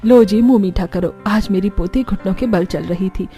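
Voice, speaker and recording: A woman voicing a proud, cheerful grandmother who speaks in a warm, boastful way. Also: medium pitch, normal speed, soft background music, close to an everyday voice. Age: older.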